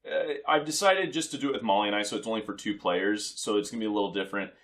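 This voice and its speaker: A man's voice: fairly low pitch, rapid-fire, a bit bright. A young man co-hosting a casual chat in a rambling, wry way that often interrupts itself. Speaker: co-host.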